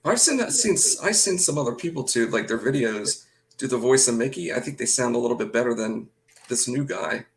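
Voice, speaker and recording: A man's voice: medium pitch, expressive, a little fast. A man in easygoing casual chat who mostly agrees and hedges his opinions.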